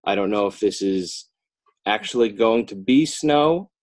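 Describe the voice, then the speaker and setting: Here the same low-voiced New Jersey children's author sounds animated while chatting as a podcast guest. His answers wander, get corrected midstream and come out in halting pieces, all with an American accent.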